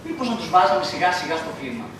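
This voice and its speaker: A man's voice: sits high, expressive, noisy background. A young man acting a defiant, impatient son in a school stage play, urgent in his arguing, recorded from far off on an echoey stage. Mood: agitated. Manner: urgent, rising to outbursts. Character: hot-headed grown son, impatient and defiant. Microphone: distant camera mic.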